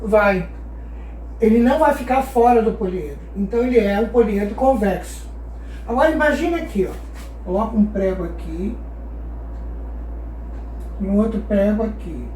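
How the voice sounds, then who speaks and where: A woman's voice: mid-range voice, moderate pace, pauses often, mellow, slight background noise. A woman teaching a math lesson, patiently asking her class questions and answering them herself. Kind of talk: explaining a geometry lesson. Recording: echoey room, voice far from mic.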